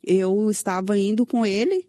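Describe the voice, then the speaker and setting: A woman's voice: mid-range voice, expressive, normal speed, dark tone, no room sound, clean studio sound. A woman from São Paulo with a Brazilian accent, telling her personal story in an interview and tagging sentences with "né?". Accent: Brazilian Portuguese, São Paulo. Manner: recounts with many "né?" tags and quoted dialogue. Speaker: guest sharing her testimony. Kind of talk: emotional personal testimony.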